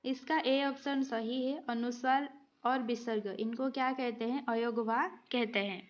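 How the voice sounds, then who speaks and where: A woman's voice: on the high side, steady tone, unhurried, highs cut off. A woman teaching Hindi grammar, going through multiple-choice exam questions and explaining each answer patiently, step by step. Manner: patient, explains step by step, often adds a short "okay" check.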